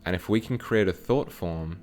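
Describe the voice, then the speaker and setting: Guy with a really low voice leading a guided meditation, slow short phrases, soft music behind. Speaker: spiritual teacher channeling a guide. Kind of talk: channeled teaching with guided meditation.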